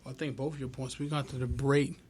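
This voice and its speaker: A man's voice: mid-range voice, flat delivery, a little fast, darkish tone, a little hiss or hum. Man talking casually. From small town in Georgia, US. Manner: conversational, colloquial. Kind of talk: casual group discussion.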